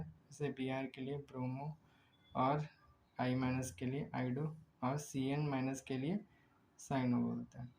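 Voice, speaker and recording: A man teaching a chemistry lesson. He explains step by step, asks himself rhetorical questions, draws chemical names out slowly and often corrects himself mid-word. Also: on the high side, a little mellow, slight background noise, rough recording. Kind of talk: recorded lecture.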